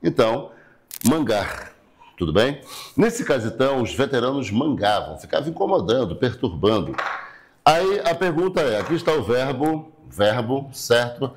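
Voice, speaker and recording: A Brazilian man teaches a recorded online grammar lesson at a steady, explanatory pace. His voice sits in an ordinary middle pitch. He repeats key words and checks in with his listeners often. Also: normal speed. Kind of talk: recorded online class lecture.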